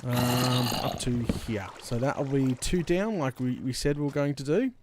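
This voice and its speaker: An Australian man hosting a gaming video in casual commentary, rambling and thinking out loud in colloquial speech. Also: medium pitch, lively intonation, normal speed. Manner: rambling, thinking aloud, with mild colloquial swearing. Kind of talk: casual Let's Play commentary. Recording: clear background noise, game clicks and water.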